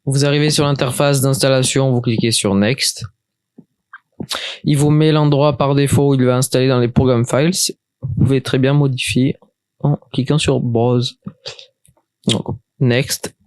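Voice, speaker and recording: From his desk, a tutorial maker chats his way through a casual screen-recorded software lesson, hesitant and prone to restarts and fillers. He has a mid-range, slightly mellow voice with fairly even intonation, a somewhat slow pace and long pauses, recorded dry.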